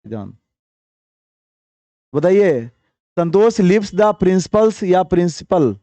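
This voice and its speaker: In this classroom grammar lesson, a male English teacher with a high, mellow, very animated voice reads English sentences slowly before explaining them briskly. He coaxes the class, pushing for answers with repeated questions. The audio is dry and close-miked, with no echo or room around it.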